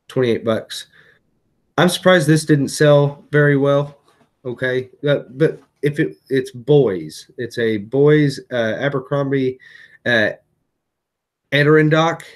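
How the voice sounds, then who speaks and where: A tired man hosting a casual vlog, chatting through items he resold, with lots of fillers and restarts. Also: mid-range voice. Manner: chatty, many fillers and self-corrections. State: tired, hiccuping late at night. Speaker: eBay reseller vlogger.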